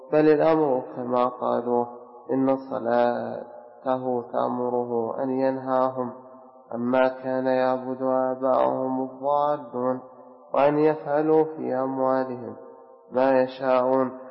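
A man reads a religious text aloud in a measured, half-sung recitation. His voice is gravelly and stays level, and the dull recording has a long hall reverb. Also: medium pitch. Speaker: student reading the commentary aloud. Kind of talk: chanted reading of a religious text.

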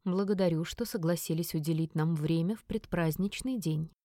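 Woman reading as a calm elderly mayor. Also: lowish voice, dry recording, clean studio sound, close to an everyday voice. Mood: genial. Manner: calm, measured, slightly mocking.

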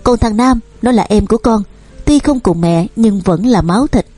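A woman reading as a calm, gentle eldest son. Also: on the high side, moderate pace, no room sound, natural voice. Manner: soft-spoken, gentle, calm. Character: calm, warm eldest son, a young man.

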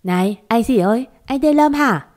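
A woman's voice: on the high side, brisk, close to an everyday voice. Woman voicing a curt, irritated young woman. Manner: sharp, scolding.

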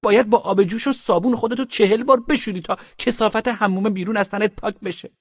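A man's voice: very high voice, fairly even intonation, dry recording, muffled recording, pitched above the performer's own voice. A man narrating an audiobook voices a fussy bride obsessed with cleanliness, who shrieks orders and scolds with disgust. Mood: disgusted scolding. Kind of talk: audiobook character voice.

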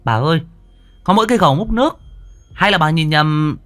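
Fussing household servants, voiced by a male storyteller, coax and reassure their mistress. The voice rises clearly above his own and bounces up and down as they plead. They are background figures in a told ghost story. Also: mid-range voice, sing-song, a little fast, pitched above the performer's own voice, natural voice. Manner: coaxing, reassuring.

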